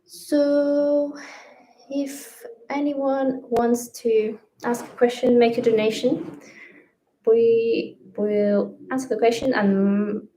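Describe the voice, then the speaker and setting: A woman from Latvia, a native Russian speaker, co-hosts a casual livestream in a slow, mellow, fairly high voice with a steady tone. She talks with many fillers and restarts, and the echoey room recording has a little hiss or hum.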